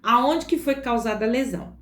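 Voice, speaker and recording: A woman voicing a brisk, businesslike nurse. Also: on the high side, a bit bright, close to an everyday voice. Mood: firm. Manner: firm, businesslike. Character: brisk matter-of-fact female nurse. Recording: roomy echo.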